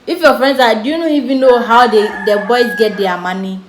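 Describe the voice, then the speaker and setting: A woman's voice: on the high side, a little fast. A young woman with a Ghanaian English accent telling a storytime vlog in a chatty way, laughing off serious things. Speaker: vlogger. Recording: echoey room with faint background noise.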